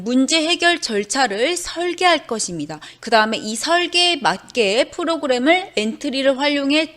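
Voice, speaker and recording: Female teacher, a little high-pitched, patient step-by-step coding walkthrough. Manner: patient, step-by-step, starts sentences with "ja". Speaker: elementary school teacher. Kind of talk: screen-recorded coding lesson.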